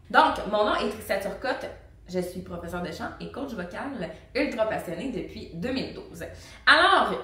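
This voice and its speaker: A woman, a singing teacher and vocal coach, explaining technique to the viewer in a lively, casual way and demonstrating the sounds herself. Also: medium pitch. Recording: very echoey room, mic at a distance.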